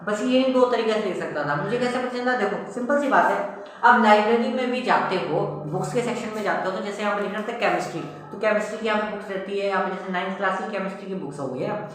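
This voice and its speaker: A man's voice: high voice, fast, fairly bright tone, a little hiss or hum. Male maths teacher, asks and answers his own questions, repeats okay, very echoey room, distant from the mic. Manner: asks the class questions and answers them himself, repeats "okay" and "simple thing". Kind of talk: explaining a whiteboard lesson.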